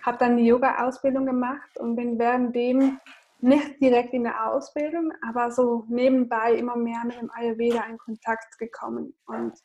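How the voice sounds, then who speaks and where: A woman's voice: a little high, flat delivery, normal speed, a little mellow, highs cut off. A woman podcast guest, a coach, answering questions in casual interview talk.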